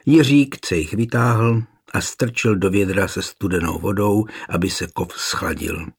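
A man narrating a historical novel in an expressive storytelling way. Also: deep voice, gravelly, husky. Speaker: audiobook narrator.

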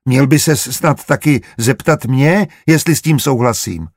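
A man's voice: medium pitch, dry recording, pitched above the performer's own voice, close to an everyday voice. A man voicing a proud, stubborn young husband and merchant in an audiobook, stiff and restrained. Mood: insistent. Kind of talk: audiobook character voice.

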